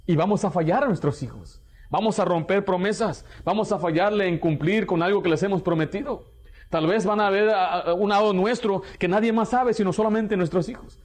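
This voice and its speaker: Animated preacher, man. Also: high voice. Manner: animated, acts out quoted parents and children. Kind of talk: radio sermon.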